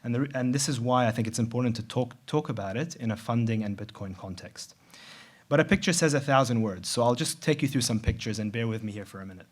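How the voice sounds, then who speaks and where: A middle-aged man who grew up in Dubai, giving a conference presentation in a conversational, measured way with some restarts. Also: medium pitch. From Middle East, grew up in Dubai. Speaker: conference speaker, surgeon. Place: large venue.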